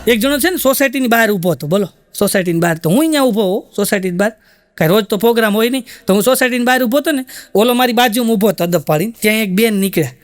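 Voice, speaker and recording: A man's voice: high-pitched, animated, racing. A man telling a comic anecdote about a neighbour as a stand-up comedian. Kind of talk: stand-up storytelling.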